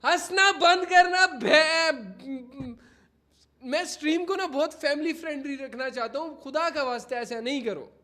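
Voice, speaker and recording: Very high-pitched and a bit bright, this young male livestreamer talks fairly quickly with hardly any pauses. Chatting casually and offering advice in Hindi sprinkled with English phrases, he keeps pleading with viewers to quit laughing.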